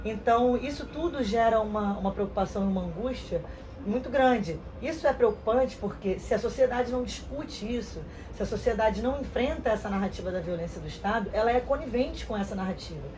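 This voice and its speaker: A woman, giving earnest, measured interview answers with some hesitant restarts. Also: on the high side, noisy background. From Rio de Janeiro, Brazil. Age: 30s. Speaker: interview guest.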